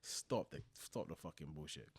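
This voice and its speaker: A man's voice: rumbling low, expressive, moderate pace, husky, no echo. A man with a South London accent telling stories in slangy casual chat, repeating phrases for emphasis. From Croydon, South London. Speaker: podcast host. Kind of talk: casual chat, animated anecdotes.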